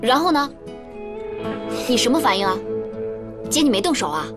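An actress in a TV drama playing a brash, sharp-tongued woman lecturing her crying friend. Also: high voice, very animated, normal speed, music in the background. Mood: bossy. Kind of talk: TV drama acting.

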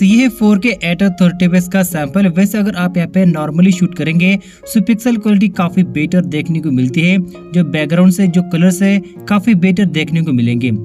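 A man with a high, mellow voice narrates a phone camera review. He talks in a chatty way, mixes English terms into Hindi and keeps addressing the viewers as friends. Faint music plays behind him. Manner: chatty Hinglish, mixing English words into Hindi. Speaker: tech reviewer. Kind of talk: product review voice-over.

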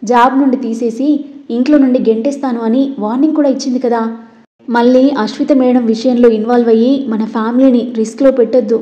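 A woman's voice: on the high side, steady tone, quick pace, mellow, roomy sound, lo-fi sound, lightly acted. A woman voicing an anxious, practical young daughter who pleads urgently in a storybook reading. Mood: worried.

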